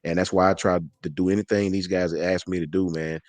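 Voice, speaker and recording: Deep-voiced man chatting loosely. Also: flat delivery, a little fast, dry recording. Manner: rambling, repeats words, slangy. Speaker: guest on sports live stream. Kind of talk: casual chat.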